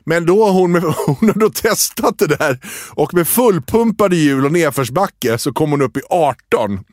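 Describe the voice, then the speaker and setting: Lively Swedish-speaking podcast man. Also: on the high side, no echo, studio quality. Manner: lively storytelling, acts out quotes. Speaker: podcast co-host. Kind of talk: casual chat.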